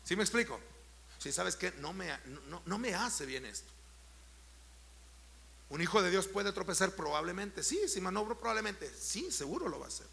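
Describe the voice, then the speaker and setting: A middle-aged Mexican man preaching a sermon as pastor, firing rhetorical questions at the congregation, checking that they follow, and building to loud, forceful emphasis. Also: high voice, sing-song, moderate pace, gravelly. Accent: Mexican Spanish.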